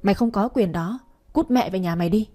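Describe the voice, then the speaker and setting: A stern young husband gives firm orders to defend his wife, voiced by a woman. The voice is dark and husky. Faint music plays behind. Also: medium pitch, brisk, close to an everyday voice. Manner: stern, commanding. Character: protective angry young husband.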